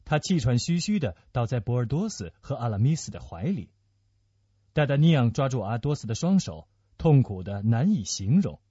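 A man narrates a dramatic tale with lively, expressive rises and falls. His voice is husky. The recording sounds muffled and dry. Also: mid-range voice, normal speed, dry recording. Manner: expressive storytelling.

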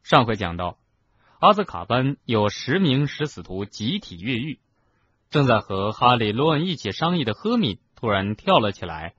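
A man with a husky voice reading a novel aloud as a radio storyteller, steady and expressive. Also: medium pitch, normal speed, faint music behind. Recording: dull lo-fi radio recording.

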